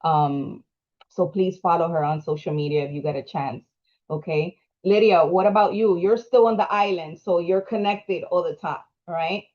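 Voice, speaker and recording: A woman's voice: on the low side, moderate pace, darkish tone, lo-fi sound. A woman moderating a panel, chatty and encouraging, tagging questions like "right?". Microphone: video call.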